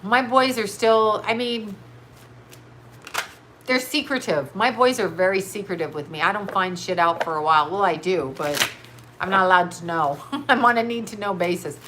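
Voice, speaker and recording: A middle-aged woman with a stuffy nose reads tarot for live-stream viewers and answers their chat, speaking at normal speed in a medium-pitched voice against a noisy background. She's blunt and scattered, swears, and laughs often.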